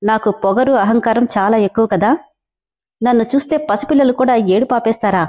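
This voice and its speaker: A cold, arrogant young husband barks curt orders and scolds, as a woman narrator reads him. The voice stays mellow and only slightly lowered, with a clipped, impatient edge. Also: fairly quick, close to an everyday voice. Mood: stern.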